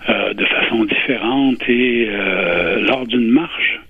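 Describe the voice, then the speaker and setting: A man in his sixties with a Quebec French accent, giving earnest, deliberate interview answers and pausing to search for his words. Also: lowish voice, creaky, slightly rough. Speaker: interview guest, retired public servant and volunteer. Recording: muffled phone-like radio line with echo.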